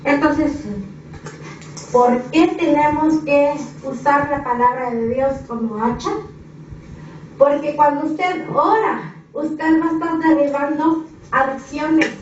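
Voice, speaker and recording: Woman preacher, high voice, impassioned repetitive sermon, church hall, heavy reverb, distant and dull. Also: steady tone, slow pace, slight background noise.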